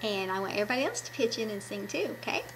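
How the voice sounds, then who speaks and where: Very animated and speaking very fast at medium pitch, this children's ministry puppet presenter, a woman in her fifties, gives an enthusiastic devotional to kids. The webcam at arm's length in her small home room captures a noisy background.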